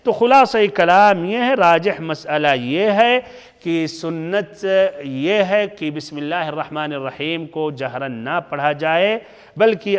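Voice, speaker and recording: High-voiced man teaching a hadith lesson. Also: a bit bright, clean tone. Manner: explains step by step, asks the class questions and answers them. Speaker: Islamic teacher. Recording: long hall reverb.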